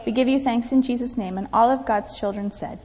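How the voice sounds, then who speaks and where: A woman pastor on the high side of pitch speaks fairly quickly, giving a children's sermon in a church sanctuary. She questions the kids animatedly and regularly falls to a whisper. The recording is dull, with the church's reverberation audible.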